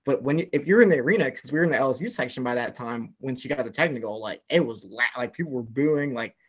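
A man spins a long, rambling story in casual chat. His voice sits at an ordinary middle pitch, and he leans heavily on "like" as he talks. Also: fast, slightly rough, dull audio. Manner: rambling, many "like" fillers, animated retelling. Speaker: podcast guest.

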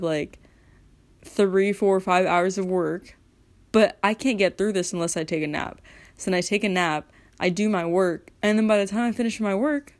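A woman's voice: fairly low pitch, a little mellow. A teenage girl venting in a casual monologue, rambling with lots of "like" and swearing freely. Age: teens. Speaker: high school student.

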